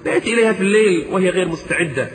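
A man's voice: sits high, lively intonation, very fast. A man preaching a sermon, fervent and pleading, asking rhetorical questions and chanting verses in a sung tone. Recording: echoey hall.

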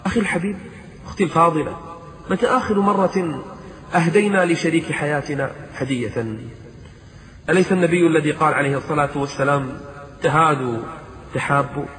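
A man's voice: a little high, fast, long pauses, a bit bright, slight background noise. A man preaching a sermon, fervent and pleading, asking rhetorical questions and chanting verses in a sung tone. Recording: echoey hall.

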